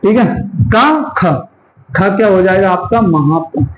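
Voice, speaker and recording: A male teacher giving an exam-prep lesson. He asks questions and answers them himself, and repeats key terms and sounds slowly. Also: high-pitched, roomy sound, slight background noise, low-quality recording.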